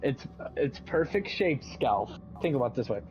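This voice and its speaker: A man in casual gaming chat over a crackly mic that keeps cutting out, talking haltingly and repeating himself. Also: medium pitch, very animated, over music. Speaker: gamer on voice chat. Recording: dull lo-fi mic with loud noise.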